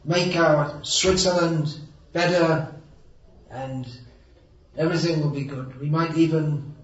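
Brief: man preacher with a slightly high voice, wry and emphatic, distant mic in a roomy hall, dull sound. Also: steady tone, takes it slowly. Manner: sarcastic and wry, then earnest and emphatic. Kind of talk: sermon.

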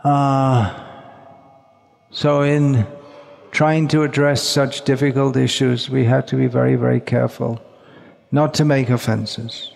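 Slow gravelly man lecturing in a hall. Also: medium pitch, level tone, a little mellow. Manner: measured, halting, repeats words. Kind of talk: religious lecture with interpreter. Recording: long hall reverb.

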